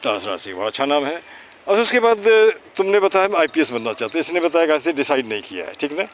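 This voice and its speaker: A man's voice: fairly high pitch, sing-song, fast, slight background noise. A man teaching children English pronunciation outdoors. He asks questions, answers them himself, and keeps adding "है ना" as a check, with an Indian English accent. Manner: tags phrases with "है ना".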